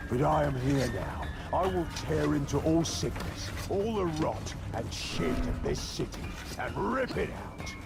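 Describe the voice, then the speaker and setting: An actor playing a deranged, vengeful serial killer and former asylum inmate in a video game, theatrical, taunting and menacing, with music behind him. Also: male voice, on the high side, sing-song, measured pace, gravelly, hardly any pauses, heavily acted. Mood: mocking rage. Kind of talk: dramatic video game villain acting. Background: loud music.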